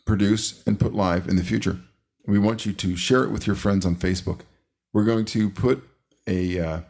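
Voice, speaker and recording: Gravelly, husky-voiced male podcast host. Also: sits low. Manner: rambling, relaxed, many fillers. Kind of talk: casual podcast chat.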